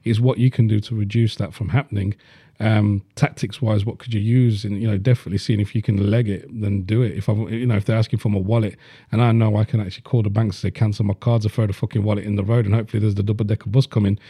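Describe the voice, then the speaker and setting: A man's voice: fairly low pitch, level tone, fast, warm tone, slightly rough, no echo, clean studio sound. A man, chatting bluntly on a podcast and swearing freely. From Leicester, England. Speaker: podcast host. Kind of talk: casual chat.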